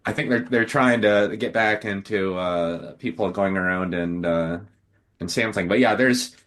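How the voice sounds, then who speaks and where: A man speaking haltingly as a guest in a casual podcast discussion. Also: deep voice, a bit bright.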